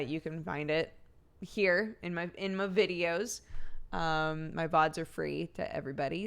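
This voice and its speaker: Giggling frequently between lines, a female streamer with a bit of phlegm in her throat thanks each subscriber in turn during a casual chat. Her voice is on the low side yet a bit bright, clear and resonant.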